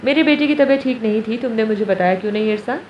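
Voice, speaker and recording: A man's voice: sits high, natural voice. A woman reading a tender, doting father. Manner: tender, coaxing. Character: indulgent loving father, gently teasing. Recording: roomy, distant, dull, faint hiss.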